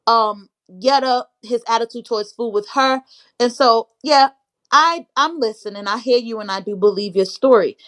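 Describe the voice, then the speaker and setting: Woman host with a raised pitch, steady probing questions to a guest. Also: normal speed. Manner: probing questions, affirming, talks to viewers. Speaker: host interviewer. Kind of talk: casual livestream interview.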